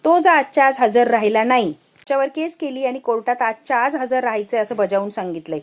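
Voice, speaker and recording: A woman's voice: on the high side, a little fast, close to an everyday voice. A woman doing a scheming father feigning panic. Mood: lamenting. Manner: loud wailing cries to God.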